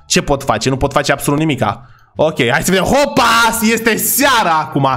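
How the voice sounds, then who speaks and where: An excitable man commenting on a video game in a casual, chatty way, with a fairly high-pitched voice. He keeps talking to his viewers as his brothers and boys and breaks into excited yelling at the characters. Faint music plays behind him. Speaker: gaming YouTuber.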